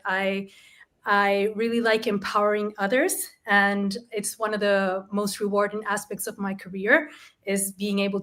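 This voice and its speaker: A woman's voice: medium pitch, pushed and bright. A woman from Chile speaking as a guest on an online design panel, earnest and reflective. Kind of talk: panel discussion.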